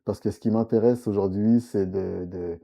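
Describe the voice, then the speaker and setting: A man's voice: on the low side, fairly even intonation, moderate pace, vocal fry, warm tone. A man from Congo-Brazzaville, a comics author, speaking earnestly as a guest in a casual interview, with frequent restarts. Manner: earnest, many restarts and fillers, agrees often.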